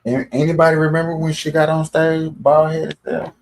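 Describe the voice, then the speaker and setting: A man's voice: fairly high pitch, completely flat delivery, moderate pace, gravelly, a little hiss or hum, low-quality recording. A man hosting a live stream, reacting to a video in casual, slangy chat, joking and laughing often.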